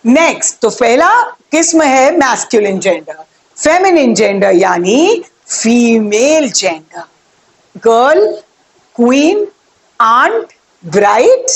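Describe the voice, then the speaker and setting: A young woman gives an English grammar lesson, speaking slowly, spelling words letter by letter, and posing questions to her viewers. Her voice is a little high with a sing-song lilt.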